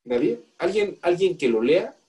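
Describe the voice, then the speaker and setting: A man's voice: high voice, sing-song, normal speed, warm tone. A man with a Mexican accent teaching a law class, asking the students questions and coaxing volunteers to read aloud. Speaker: law course instructor. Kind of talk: classroom lecture.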